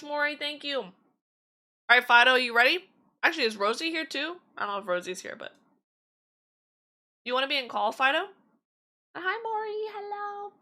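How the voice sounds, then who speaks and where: A woman's voice: high voice, pushed and bright. A woman streaming tarot readings in casual chat, chatty and giggly with lots of fillers, her voice slightly strained.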